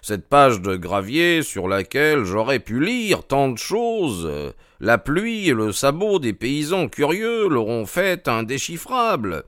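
A man voicing a keen, precise male detective in an audiobook, raising his voice into quick, probing questions. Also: mid-range voice, no room sound, studio quality, voice pushed up. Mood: intrigued. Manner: quick, questioning, excited interjections. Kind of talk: audiobook character reading.

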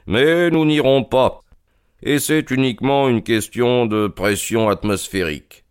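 A man voicing a self-assured detective in a storybook reading, drawling slowly. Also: medium pitch, clear, resonant tone, no echo, clean studio sound, voice pushed up, natural voice. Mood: languid.

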